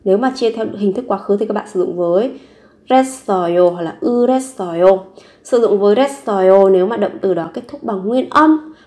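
A woman teaching a grammar lesson at a middle pitch, explaining each point step by step and repeating every example sentence. Her voice rings with a noticeable echo off the room. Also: darkish tone. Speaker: Korean language teacher.

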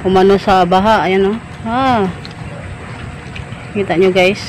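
A woman's voice: medium pitch, steady tone, a little slow. A cheerful young woman vlogging outdoors at a flooded farm, laughing often and talking to her viewers as guys. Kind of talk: casual vlog chat. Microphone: phone at arm's length. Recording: outdoor noise from a phone.

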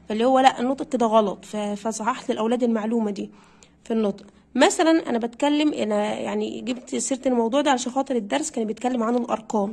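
A young Egyptian woman teaches pronunciation to primary pupils in an Egyptian Arabic accent, her voice sitting fairly high. She talks at a rapid clip, coaxing her listeners to say words along with her and drilling each word by repeating it. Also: mellow. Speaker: primary school English teacher. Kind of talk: online pronunciation lesson.

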